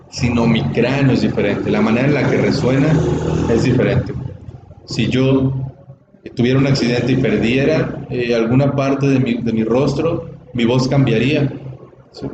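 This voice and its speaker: A man teaching a class on speaking in public, explaining step by step and often checking that his students follow. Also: medium pitch. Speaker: workshop instructor. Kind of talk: classroom lecture. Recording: echoey room, dull audio, background noise.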